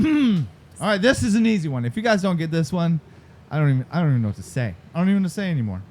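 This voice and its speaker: A man's voice: fairly high pitch, very animated, rapid-fire, a little mellow. A man hosting a casual fishing talk show, joking and teasing, laughing often. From Florida. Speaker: podcast host. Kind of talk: casual radio chat.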